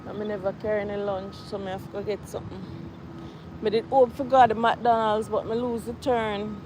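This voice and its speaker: A woman's voice: medium pitch, level tone, a little fast. A woman with a Jamaican accent, winded from walking and sighing, chatting casually to livestream viewers outdoors. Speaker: livestream host. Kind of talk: casual live chat with viewers. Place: outdoors on a campus. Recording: noisy outdoor ambience with traffic.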